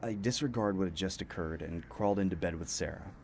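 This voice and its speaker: A man's voice: low voice, fast, vocal fry, darkish tone, a little hiss or hum. A man narrating a scripted horror story in a tense, dramatic manner.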